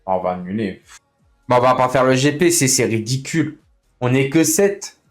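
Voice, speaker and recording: This livestreamer, who runs an online racing league, is in casual stream chat with fellow players, complaining in loose, slangy language and saying things more than once. He speaks at a normal speed with a medium-pitched, lively voice, and faint music plays behind him.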